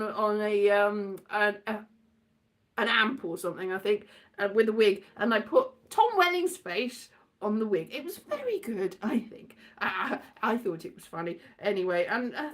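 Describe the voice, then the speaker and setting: In a fairly high, fairly bright voice, a woman delivers a casual monologue that wanders through tangents and repeated words. Her manner is playful and scatty, and she voices quotes in put-on characters.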